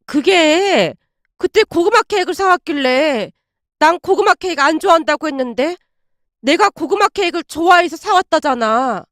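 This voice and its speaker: A woman's voice: very high-pitched, expressive, moderate pace, a bit bright, no room sound, clean studio sound. A woman voicing a nagging, defensive older mother-in-law who justifies herself in a whiny tone.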